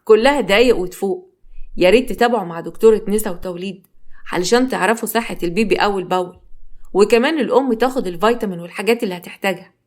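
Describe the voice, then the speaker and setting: A woman narrator voicing a calm, matter-of-fact male doctor with an Egyptian accent. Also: medium pitch, very fast, lightly acted. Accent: Egyptian Arabic.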